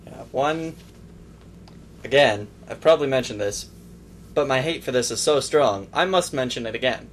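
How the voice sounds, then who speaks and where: A man's voice: medium pitch, lively intonation, normal speed, long pauses, a little hiss or hum. A man co-hosting a casual podcast, listing bad movies and giving brief, matter-of-fact replies. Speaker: podcast co-host. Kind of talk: casual chat about movies.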